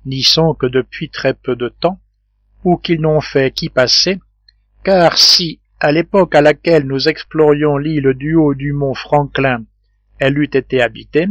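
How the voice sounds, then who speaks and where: A man reading a calm, reasoning engineer. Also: medium pitch, no echo, dull audio, natural voice. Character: calm, thoughtful male engineer and leader.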